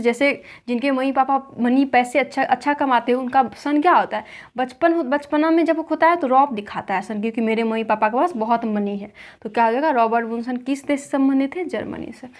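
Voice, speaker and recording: A woman teaching a general knowledge lesson, asking questions and answering them herself, with little stories to help facts stick. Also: sits high. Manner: spins little stories to fix facts in memory. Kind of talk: explanatory lesson with memory tricks.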